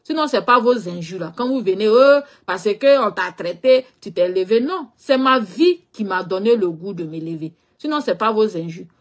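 A social media personality with a West African French accent tells a personal story frankly in a casual monologue, looping and repeating herself and often trailing off with filler phrases. Her medium-pitched voice is lively, at normal speed with hardly any pauses.

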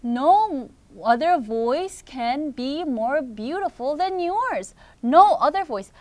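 A woman reading as a gentle mother hen. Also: high voice, animated, extremely slow, no room sound, exaggerated voice. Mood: tender.

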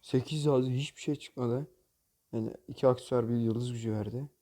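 Man, gaming channel host, very dark mellow voice, grumbling, joking, cursing at the game, box-opening commentary. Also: medium pitch, fairly even intonation, normal speed. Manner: exasperated, grumbling and jokey, curses at the game.

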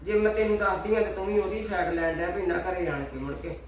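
A woman's voice: fairly low pitch, fairly even intonation, fast, slight background noise, lightly acted. A woman playing a quarrelsome, grumbling mother-in-law in a family skit, recorded far from the mic in an echoey space. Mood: complaining. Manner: scolding, complaining. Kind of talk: amateur family sketch acting. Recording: echoey, distant phone mic.

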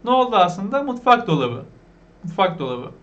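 A man with a Turkish accent teaching beginners English vocabulary, asking questions and repeating each word slowly. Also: high-pitched, very animated, fairly bright tone, dull audio. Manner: asks the viewers questions, repeats the words slowly.

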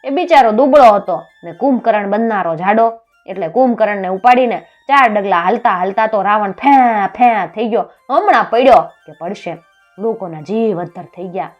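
A woman narrating a folk tale in a lively, expressive storytelling voice. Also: mid-range voice, moderate pace, highs cut off, faint music behind.

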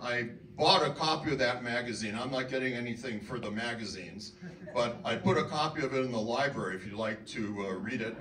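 A man's voice: mid-range voice, a bit bright. A man in his seventies talking casually to an audience from an open mic stage, chatty and self-deprecating with a handheld mic. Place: auditorium stage. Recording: echoey hall, from far off, noisy.

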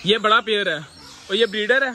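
A man in his thirties from Pakistan, hosting an excited, chatty vlog walkthrough of a bird aviary and talking straight to viewers. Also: sits high, normal speed. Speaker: vlogger host. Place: large outdoor bird aviary. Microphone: phone camera held at arm's length. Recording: noisy outdoor phone recording. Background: birds squawking.

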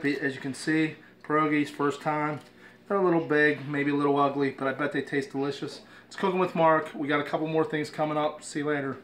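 Filmed by a handheld camera focused on his hands, a forties-aged home cooking channel host demonstrates a dish in his kitchen. His talk is relaxed, meandering and self-deprecating, delivered in a fairly bright voice on the high side. A little hiss or hum is audible.

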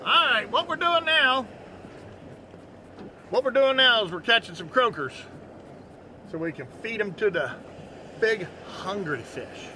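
A man in his forties calls out excited instructions and commentary while fishing from an open boat. His voice sits high and bright, picked up on an action camera with a faint hiss of wind and water behind it. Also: unhurried, long pauses. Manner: loud, excited coaching with swearing. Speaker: fishing charter captain. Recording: outdoor boat noise. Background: wind and water noise.

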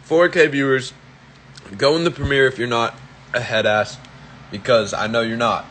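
A man's voice: mid-range voice, steady tone, normal speed, a bit bright, a little hiss or hum. A young man livestreaming from his phone, hyped and urgently repeating commands to his viewers. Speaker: social media livestreamer. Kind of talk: casual livestream chat.

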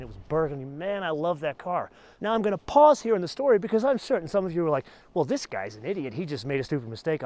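A middle-aged man hosting a car vlog, giving personal money advice to camera in an emphatic, conversational way. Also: darkish tone. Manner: emphatic and conversational, shifting pitch and volume for emphasis.

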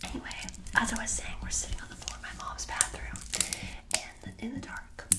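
A young woman hosting a whispered ASMR video, chatting and joking from a dark bathroom floor at home on a close mic. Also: moderate pace.

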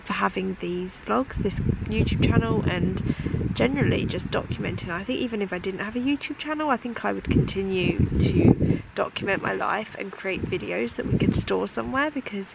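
A British mother talks to camera from home in a chatty, reflective way, often saying "like". Her voice has a gravelly edge. The home video sounds dull and lo-fi, with steady noise underneath. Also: mid-range voice, normal speed. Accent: British English. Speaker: family vlogger and mother. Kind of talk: casual talk to camera.

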